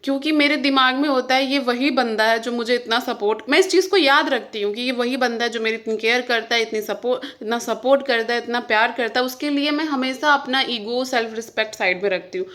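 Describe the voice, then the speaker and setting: A young woman talks straight to camera in a casual vlog. Her voice sits a little high. She sounds frustrated and earnest, and she pushes hard on her points as she retells an argument. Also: brisk, hardly any pauses, a bit bright. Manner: frustrated, venting. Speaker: vlogger.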